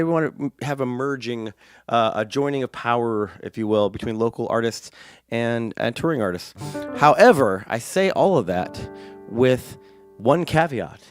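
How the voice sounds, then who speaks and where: A man with a congested, hoarse smoker's rasp, hosting a live stream in a chatty, rambling, playful way. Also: medium pitch. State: congested from a sinus infection, coughing. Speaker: live stream show host and piano player.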